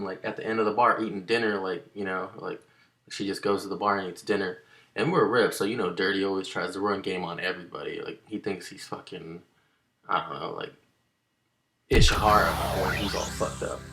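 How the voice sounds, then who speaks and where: A man's voice: on the low side, creaky, a bit bright. A man casually telling a rambling, slangy story to the camera, full of fillers and asides.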